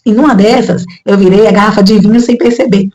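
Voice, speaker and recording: A woman in her thirties from Brazil telling a personal religious testimony in casual talk, emotional and rising high when she quotes her own prayers, with frequent tag questions. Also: steady tone, fast, warm tone, highs cut off. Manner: frequent "né?" tags. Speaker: testimony speaker.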